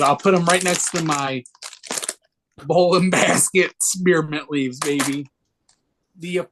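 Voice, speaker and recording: A young man co-hosts a sports podcast in a loose, joking way, cursing often. His voice sits a bit high for a man. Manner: brash, profane and joking. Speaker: podcast co-host. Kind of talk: casual sports podcast chat.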